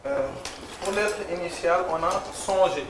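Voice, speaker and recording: A man with a Senegalese French accent, giving short measured answers as a contestant. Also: high voice, fairly bright tone, poor audio. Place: TV studio.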